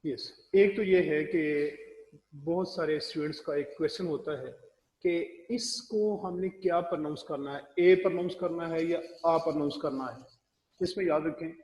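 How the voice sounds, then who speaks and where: A man teaching English pronunciation in a recorded classroom lecture, explaining slowly and spelling words out letter by letter. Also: on the high side, darkish tone, echoey room, big-room sound, poor audio.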